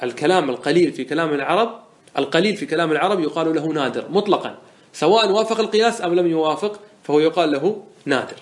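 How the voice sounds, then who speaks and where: A man's voice: on the high side, expressive, quick pace. A man teaching Arabic morphology in a lecture, explaining verses step by step and often checking that listeners follow. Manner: patient explainer who asks rhetorical check questions; repeats and restarts words while thinking aloud. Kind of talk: classroom lecture explaining a didactic poem.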